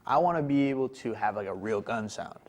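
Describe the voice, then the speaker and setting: A man's voice: lowish voice, animated, fairly quick. A young man co-hosting a casual gaming talk show, easygoing and talking with lots of "like" and "you know". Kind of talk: casual chat.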